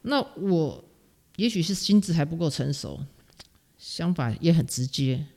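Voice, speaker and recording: A middle-aged woman speaks Mandarin with a Taiwanese accent, telling her stories as a guest in a relaxed interview. She is animated and self-mocking, and she laughs often between her lines. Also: deep voice, unhurried, vocal fry. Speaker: guest, music teacher. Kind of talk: casual storytelling interview.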